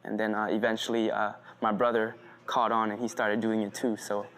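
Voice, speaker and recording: A man's voice: fairly low pitch, little pitch movement, a little fast, a bit bright. A man from Thailand, a spoken word artist and teacher, talking earnestly and reflectively in a documentary interview, often restarting his sentences.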